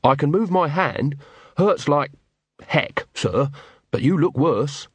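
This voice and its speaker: A man's voice: a little high, animated, slow pace, breathy edge, no echo, heavily acted. A man doing an earnest young constable. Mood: pained. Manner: earnest, polite.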